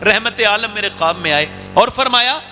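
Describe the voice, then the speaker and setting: A man's voice: lively intonation, pushed and bright, faint music behind. A man preaching an emotional sermon as a dramatic storyteller, acting out the voices in his stories with sweeping rises and falls. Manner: dramatic, acts out quoted voices with big pitch swings. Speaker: Islamic preacher.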